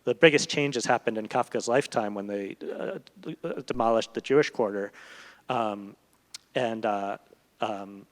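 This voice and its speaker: The reverberant hall of a public event holds an on-stage conversation featuring a man who is a literary translator and guest. He talks at normal speed with a fairly low voice, thoughtful and digressive, often searching for his words.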